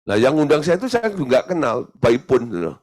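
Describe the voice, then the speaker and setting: A male pastor telling a story in a teaching sermon, lively and often laughing. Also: mid-range voice, fast.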